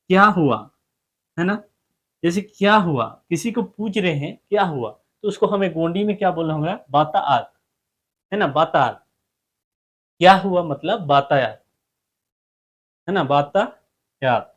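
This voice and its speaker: Man, high voice, casual language teacher. Repeats each phrase slowly, checks in with the listener constantly. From central India. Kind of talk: casual spoken lesson.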